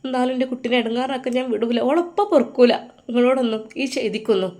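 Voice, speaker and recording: A woman's voice: a little high, fairly even intonation, fast talker, warm tone, lightly acted. Woman voicing a tearful protective mother. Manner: tearful, pleading.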